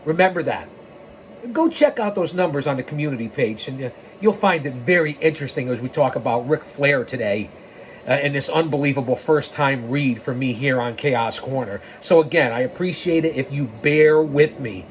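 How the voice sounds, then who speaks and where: An American podcast host in his sixties reads aloud, then breaks off into emphatic, rambling commentary aimed straight at his listeners, full of sidetracks and direct appeals. His mid-range voice is animated at a moderate pace. The recording is rough, with slight background noise.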